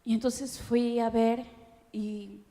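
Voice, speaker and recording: A middle-aged woman pastor with an Ecuadorian Spanish accent preaches slowly, with heavy pauses, her fairly high voice dropping to a hush and then rising. Her voice carries long reverb from a large auditorium. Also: little pitch movement. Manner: emotional, slow, dramatic shifts from hushed to loud. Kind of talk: sermon testimony. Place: conference auditorium.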